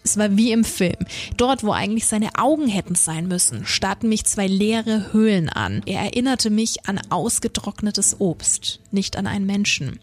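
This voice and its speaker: A woman podcast co-host reading a creepy first-person story aloud in a measured, suspenseful way. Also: mid-range voice.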